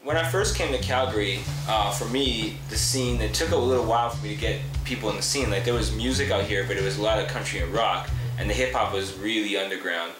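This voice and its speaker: A Canadian-raised man in his twenties, a rapper, talks earnestly in a casual interview. His voice is lowish and quick, with few pauses, and music plays underneath. The room sounds echoey, with faint background noise.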